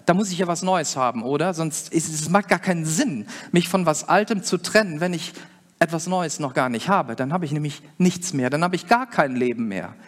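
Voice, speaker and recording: Male preacher, fairly high voice, earnest and explanatory, sermon in a big echoing hall. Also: expressive, normal speed. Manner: earnest, explaining, asks listeners questions. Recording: long hall reverb.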